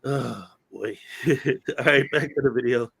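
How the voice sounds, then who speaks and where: A man's voice: mid-range voice, a little slow, creaky, fairly bright tone, slightly rough. A man hosting a podcast in casual chat, rambling with lots of fillers and frequent laughter. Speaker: podcast host.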